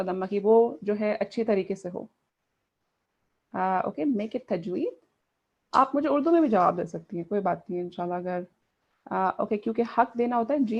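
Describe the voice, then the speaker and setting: Female teacher, fairly high voice, online class, muffled call audio. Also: gravelly. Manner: mixes in English, asks students questions. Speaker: Quran recitation teacher. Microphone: video call.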